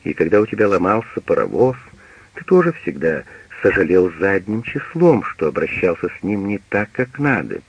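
A man's voice: low voice, sing-song, normal speed, slightly rough, dry recording, exaggerated voice. A man voicing a strict elderly mother who lectures her grown son in a reproachful tone, on a dull radio recording. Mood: lecturing.

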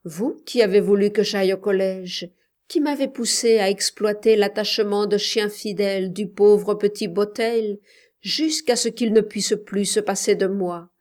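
A woman's voice: medium pitch, fairly even intonation, a little slow, a little mellow, close to an everyday voice. A woman reading the part of a young man who has returned as a scholar, reproachful and bitter, in an audiobook.

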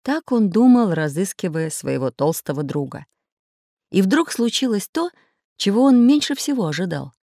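A woman reading a children's adventure story aloud with expressive storytelling. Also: mid-range voice, moderate pace, no echo, clean studio sound. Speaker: narrator. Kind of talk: children's audiobook narration.

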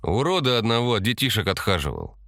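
A man voicing a hot-tempered young man who shouts coarse threats in an audiobook. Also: fairly low pitch, sing-song, fast, creaky, no echo, studio quality, pitched above the performer's own voice, full character voice. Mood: sullen.

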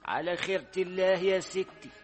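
A man's voice: high voice, brisk, over music, close to an everyday voice. A man playing a stern old-fashioned father. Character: stern traditional father of the family. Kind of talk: Egyptian radio drama acting.

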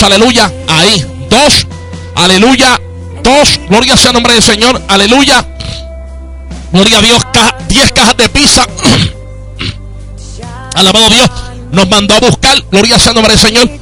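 Male Puerto Rican evangelist, fervent radio preacher, high and bright, faint music bed. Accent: Puerto Rican Spanish. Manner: fervent, peppered with hallelujahs.

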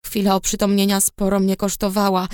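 A woman reading a novel aloud in first person, in a subdued, low-key storytelling manner. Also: completely flat delivery, brisk, a little mellow, smooth, no echo, studio quality. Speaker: audiobook reader. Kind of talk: first-person scripted narration.

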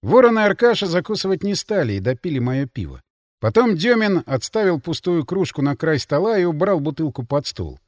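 A man narrates a first-person audiobook with theatrical expression. His voice sits fairly high and moves a lot, recorded dry and close. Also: sing-song, a little fast, darkish tone, dry recording.

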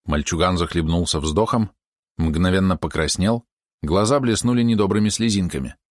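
A man narrating an audiobook in a measured, expressive storytelling manner. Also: low-pitched, no room sound, clean studio sound. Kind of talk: scripted narration.

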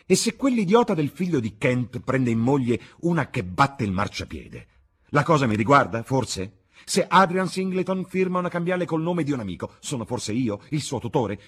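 A man reading the part of an arrogant, scornful young gentleman in an audiobook, with a sneering, cutting manner. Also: mid-range voice, sing-song, normal speed, husky, voice pushed up.

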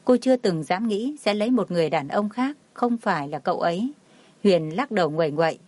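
A woman's voice: mid-range voice, lively intonation, a little fast, a little mellow, dry recording. Dry-voiced woman narrating a drama story. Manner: reads all the figures herself, barely changing her voice. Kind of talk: scripted narration.

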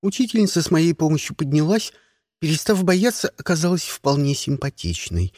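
Male audiobook narrator, first person, sardonic, animated delivery, dry close mic. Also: fairly high pitch, fairly quick, no echo. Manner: wry, sardonic storytelling.

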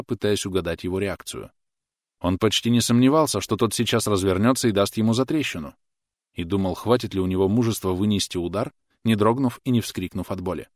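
A male audiobook narrator with a very low, deep voice, reading in a steady, even way. The recording is dry and close-miked, with no room sound. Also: no echo.

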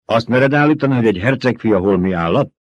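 A man's voice: mid-range voice, lively intonation, no echo, pitched above the performer's own voice, natural voice. A man voicing a proud but frightened teenage boy, tense and defiant, in a dull lo-fi audiobook recording. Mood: indignant.

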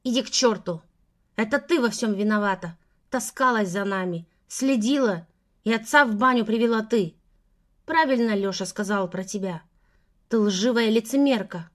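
A furious teenage girl lashes out in loud, spiteful bursts, played by a woman narrating. She is hateful and defiant, an audiobook figure. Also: mid-range voice, expressive, moderate pace, natural voice.

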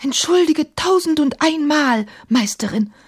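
A woman's voice: high-pitched, lively intonation, unhurried, voice pushed up. A woman voicing a sentimental, apologetic male genie who whispers and murmurs secretively, in a radio drama reading. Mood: contrite.

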